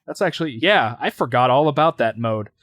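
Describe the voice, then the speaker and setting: A man's voice: mid-range voice, lively intonation, a little fast, fairly bright tone, no room sound. A man co-hosting a podcast, chatting casually and rambling with lots of fillers and restarts. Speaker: podcast co-host.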